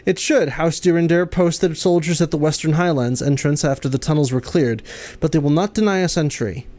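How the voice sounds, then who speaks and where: A man's voice: on the high side, brisk, dark tone. A man streaming a game, reading its dialogue aloud, tripping over fantasy names and laughing often.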